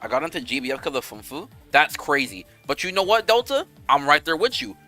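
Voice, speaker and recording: A young man chatting casually with his viewers on a game stream, animated and rambling, swearing freely. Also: on the high side, a little fast, soft background music.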